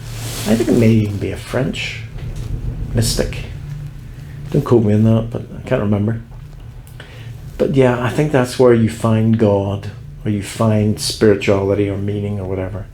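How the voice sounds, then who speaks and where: Low mellow guy with a gravelly voice, rambling slow thoughts in a cable car, faint ambience behind. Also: roomy sound, slight background noise. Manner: rambling, reflective, gently self-mocking. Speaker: vlogger. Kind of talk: musing vlog monologue.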